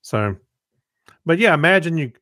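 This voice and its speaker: Slightly high and sing-song, a bit bright, this man speaks at a moderate pace in studio-quality audio with no room sound. He's a podcast co-host chatting in a casual, conversational way.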